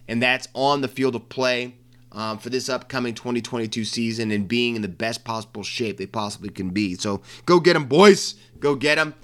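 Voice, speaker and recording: A man with a mid-range, sharp-toned voice hosts a sports talk show. He jokes casually about players and coaches in a loose commentary monologue, full of ums and restarts.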